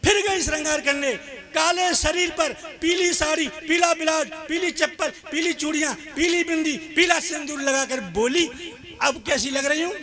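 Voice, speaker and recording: A man's voice: extremely high pitch, steady tone, normal speed. A man reciting comic poems on stage, in a rhythmic sing-song manner, recorded live with crowd noise. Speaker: comic poet. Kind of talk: stage comedy poem recital.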